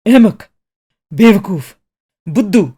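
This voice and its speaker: A woman voicing a furious middle-aged German male draftsman who shouts insults. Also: medium pitch, expressive, slow pace, breathy edge, pitched above the performer's own voice. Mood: furious shouting.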